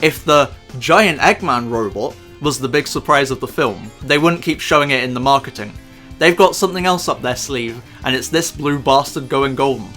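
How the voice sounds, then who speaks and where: A man's voice: mid-range voice, animated, moderate pace, sharp tone, soft background music. A man ranting about a film in sarcastic, profane, exasperated commentary. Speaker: YouTube commentator.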